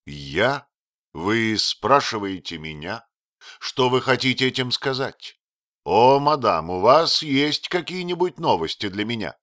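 A man's voice: on the low side, animated, measured pace, a bit bright, dry recording, clean studio sound. A man voicing a young prince who pleads with passion. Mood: pleading. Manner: impassioned, imploring.

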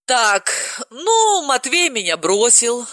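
A woman's voice: fairly high pitch, sing-song, slow, fairly bright tone, no room sound, pitched above the performer's own voice, full character voice. A woman voicing a wry, resilient heroine who speaks matter-of-factly with dry humor in an audiobook.

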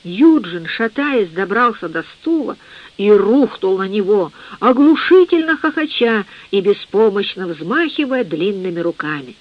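A narrator reading a literary novel in a measured audiobook style, on a dull lo-fi recording. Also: mid-range voice, lively intonation, no room sound.

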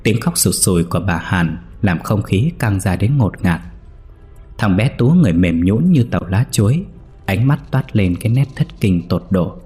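A man reading a horror story in a steady, grave storytelling manner. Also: on the low side, normal speed, faint music behind. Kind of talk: scripted horror story narration.

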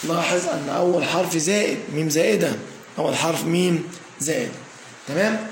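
A man teaching an Arabic grammar lesson, who checks in with "tamam?", fills pauses with "aah" and slowly stresses each word pattern as he lists examples. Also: on the high side, vocal fry. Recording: echoey room with faint ambient noise.

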